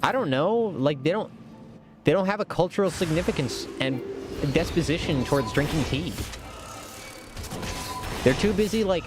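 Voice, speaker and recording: A man's voice: fairly high pitch, expressive, normal speed, pauses often, over music. Sleepy, laid-back young man streaming a game. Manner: laid-back, swears, laughs often, rambling asides. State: sleepy, yawning. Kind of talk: casual game commentary.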